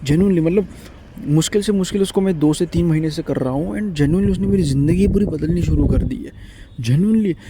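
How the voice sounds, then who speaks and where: Earnest young man, dark mellow voice. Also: on the high side, a little hiss or hum. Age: 20s. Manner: earnest, repetitive, mixes Hindi with English. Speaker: vlogger. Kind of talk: casual motivational monologue.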